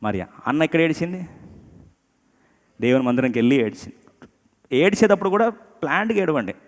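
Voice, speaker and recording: Emphatic preacher, slightly high, in a reverberant hall. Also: male voice, lively intonation, a little fast. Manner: emphatic, mixes English phrases into his talk; asks the congregation questions, with humorous asides. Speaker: pastor. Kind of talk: sermon. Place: church hall before a congregation.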